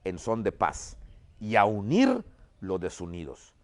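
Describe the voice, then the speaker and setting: A man's voice: lowish voice, huge pitch swings, slow, full character voice. A man voicing a solemn male general who earnestly persuades a rival to make peace. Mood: earnest persuasive. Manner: earnest, persuasive, addresses the other as don.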